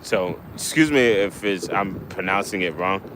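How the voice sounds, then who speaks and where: Man, low voice, casual live-stream chat, rambling, fishing outdoors, windy mic noise. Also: normal speed. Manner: rambling, laid-back, many fillers and restarts. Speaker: livestreaming angler. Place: outdoors by the water while fishing.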